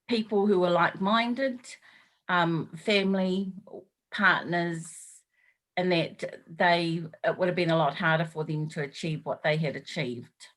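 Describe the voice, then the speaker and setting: A woman interviewer speaks very slowly, pausing often on "um" as she sets up her questions. Her voice sits a little low for a woman. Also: poor audio. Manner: hesitant, many "um"s. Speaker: interviewer host.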